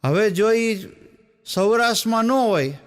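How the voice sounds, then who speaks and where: A stand-up comedian who tells folk stories and acts out the people in them, throwing quick asides to the audience. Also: male voice, high voice, expressive. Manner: storytelling in quoted voices, with the audience laughing along; tosses quick asides to the crowd. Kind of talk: Gujarati folk comedy storytelling on stage.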